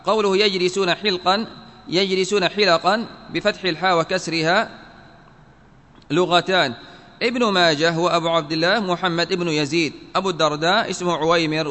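A man's voice: high voice, steady tone, brisk, sharp tone. A man giving a religious lesson, reading a classical text and carefully spelling out how each word is vowelled. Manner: spells out word vowels carefully, reads quotes then explains. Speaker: Islamic teacher. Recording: long hall reverb.

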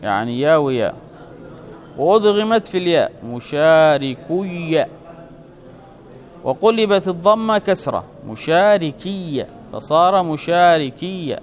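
A man teaching a classroom grammar lesson, explaining step by step and often checking with his students, drawing out his example words slowly. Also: high voice, very animated. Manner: slows and stretches example words. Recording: dull lo-fi classroom recording.

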